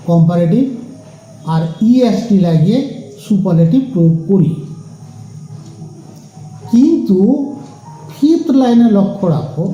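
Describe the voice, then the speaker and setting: A man's voice: high voice, mellow. A man teaching an English grammar lesson, spelling words out letter by letter and repeating word drills. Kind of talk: classroom lesson explaining grammar. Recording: echoey room with faint music.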